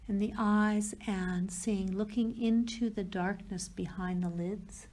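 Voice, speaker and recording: A female teacher guides a yoga nidra meditation, speaking slow, soothing, unhurried phrases separated by pauses. Her mid-range voice is a little mellow, with fairly even intonation.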